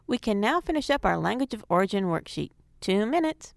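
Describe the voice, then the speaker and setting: A woman narrates a scripted phonics lesson in a clear, measured way, with a gravelly edge to her voice. The sound is dry and close. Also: mid-range voice, sing-song, no echo. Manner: clear, measured instructional delivery. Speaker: phonics teacher.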